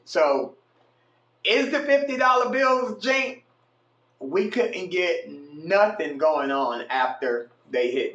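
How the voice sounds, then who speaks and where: A man telling a casual story about his own night out, animated and slangy, swearing freely. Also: sits high. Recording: echoey room.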